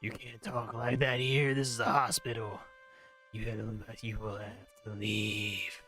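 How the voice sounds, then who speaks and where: A strict hospital nurse read by a man lays down the rules in a slow, clipped way. The voice drops a little low and quiet. It sounds like the reader's own voice, just made stern. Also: level tone, faint music behind.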